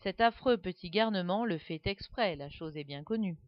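A woman's voice: expressive, moderate pace, no room sound, lightly acted. A woman voicing an ugly, aggressive old duchess who bullies and shrieks, on a dull, dry recording. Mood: bossy. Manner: shrill, bullying.

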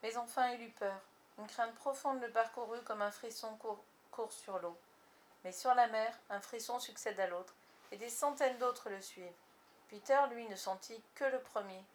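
A woman's voice: on the high side, moderate pace, roomy sound, slight background noise. Woman reading a storybook aloud. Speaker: narrator.

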